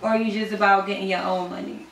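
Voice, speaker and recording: A woman's voice: mid-range voice, level tone, fast talker, fairly bright tone, slight background noise. A woman co-hosting a casual panel talk show, asking the others questions and moving to new topics. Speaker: podcast co-host steering topics. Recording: echoey room, distant mic.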